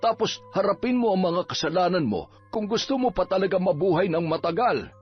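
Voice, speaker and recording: A man doing a gruff, husky village healer. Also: high-pitched, animated, fairly quick. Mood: scolding. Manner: gruff, nagging, comic. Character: grumbling, teasing middle-aged male village folk healer. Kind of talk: Filipino audio drama acting. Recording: dull lo-fi with faint music.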